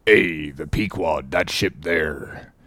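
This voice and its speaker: An actor playing a ragged, ominous old sailor who talks in cryptic warnings and sometimes bursts out shouting. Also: male voice, rumbling low, slow pace, dry recording, full character voice. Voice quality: gravelly, growling. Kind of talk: audiobook drama acting.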